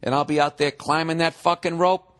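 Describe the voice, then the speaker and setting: Fairly quick and steady, with a fairly high pitch and a slightly bright tone, a podcast host in his forties reads a listener's email. He then launches into a sarcastic, profane comedic rant, mocking and exasperated throughout.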